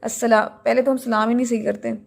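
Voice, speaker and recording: A woman's voice: on the high side, level tone, quick pace, creaky. A woman teaching tajweed in a recorded lesson, explaining patiently and drawing out words to model them.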